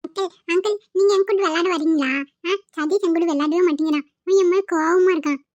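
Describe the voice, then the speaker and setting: A squeaky little cartoon kid, voiced by a woman, whiny and pleading. The sound is dry and a bit muffled. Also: fairly even intonation, fast, darkish tone, no room sound. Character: small child, playful and whiny. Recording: dull, dry home recording.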